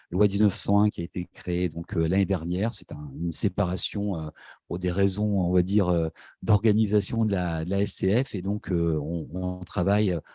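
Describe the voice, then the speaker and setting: A man's voice: sits low, darkish tone, no room sound. A man with a French accent giving an academic conference talk, hesitant, with many fillers and restarts. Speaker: lecturer. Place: university lecture hall.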